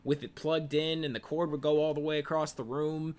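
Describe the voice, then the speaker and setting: A man's voice: a little high, level tone, a little fast. A young man co-hosting a casual podcast, laid-back and rambling, tired and laughing often. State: tired and sleepy. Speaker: podcast co-host. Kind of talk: casual chat.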